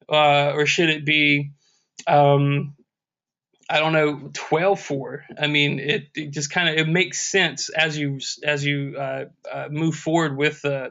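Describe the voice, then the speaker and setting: A man lecturing on music history in a somewhat high voice. He stops and restarts often, with many fillers, and scats rhythms to demonstrate them. The lo-fi recording sounds dull. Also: bright, forceful tone.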